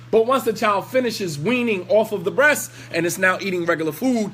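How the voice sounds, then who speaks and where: A man's voice: high voice, a bit bright, breathy edge. A man preaching in a lecture, scolding with rhetorical questions and telling a story, mixing in recited Arabic phrases.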